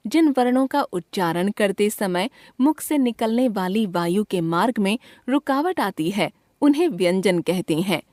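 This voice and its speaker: A woman of middle pitch reads a textbook lesson aloud, slowly and deliberately. She spells out each letter and example one by one. The sound is dry and close, with no room around it. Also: darkish tone, no room sound. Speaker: teacher.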